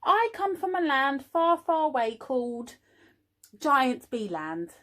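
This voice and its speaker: Lady doing a naive boy bear from a picture book, earnest, bit hesitant, pitched up, slow. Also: sing-song, fairly bright tone, full character voice. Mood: sheepish bluffing. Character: eager male honey-loving bear posing as a bee.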